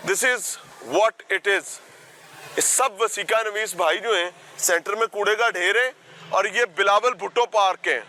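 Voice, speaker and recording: A man's voice: high-pitched, sharp tone, slight background noise. A man reporting on location outdoors, walking and talking in a theatrical, sarcastic way as an investigative host. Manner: theatrical, sarcastic, addresses an absent politician. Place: outdoors at a hospital and a park.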